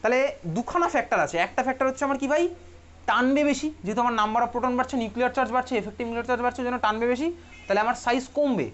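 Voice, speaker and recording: Bengali-accented male teacher, rapid and chatty, quizzing the class, dull lo-fi room recording. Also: extremely high pitch, a bit bright. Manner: quick, chatty, teasing students and asking questions. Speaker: chemistry teacher. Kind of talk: classroom lecture.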